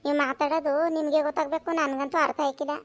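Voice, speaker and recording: Woman doing a feisty village daughter-in-law, high voice, talks back, comedy skit. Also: level tone, very fast, natural voice. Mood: arguing. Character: defiant young daughter-in-law, quick to argue.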